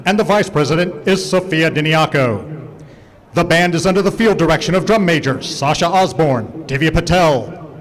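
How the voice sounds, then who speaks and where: A man announcing over the PA system at a football stadium, reading a halftime introduction and a list of names in a formal, measured way. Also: on the high side, a bit bright. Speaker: stadium public address announcer. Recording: PA speakers with long stadium reverb.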